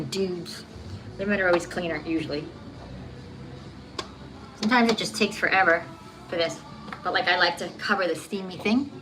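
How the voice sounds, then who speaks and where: A woman livestreams from her home kitchen, cooking and washing dishes with the tap running, chatting in a mid-range, fairly bright voice. A New Jersey accent and slight lisp color her speech, and she's upbeat, humming and singing along. The recording quality is low.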